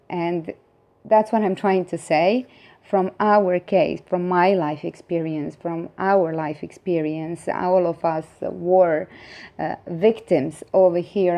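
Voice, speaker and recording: A middle-aged Croatian woman vlogs to camera in a casual monologue, speaking earnestly with a Croatian accent. Her mid-range voice is a little mellow, and she rambles with lots of fillers and restarts.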